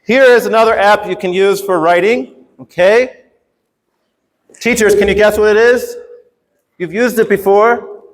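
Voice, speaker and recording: In a large, reverberant room at a university workshop, where the echoey hall gives a long reverb, a man teaches English in a casual, playful style, frequently checking in with his students. His voice sits high with fairly even intonation, and he speaks unhurriedly, pausing often.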